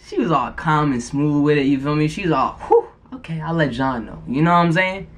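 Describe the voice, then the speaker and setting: A young adult man speaks casually in slangy, informal language, as in a prank-call vlog recorded in an indoor room at home. His voice is a little high and a little fast.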